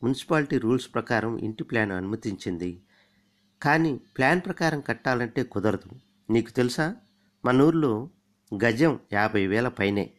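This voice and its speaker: A bossy middle-aged man who hands out orders instead of asking, voiced by a storyteller who raises his pitch and volume for him. His voice is brusque and commanding in a read-aloud story. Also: lively intonation, moderate pace, close to an everyday voice. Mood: demanding.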